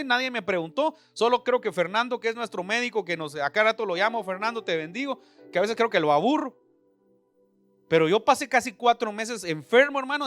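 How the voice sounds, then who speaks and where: High-voiced Central American man preaching. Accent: Central American Spanish. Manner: preacherly, addresses listeners as brother, rhetorical questions. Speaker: pastor. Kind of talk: sermon. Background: soft background music.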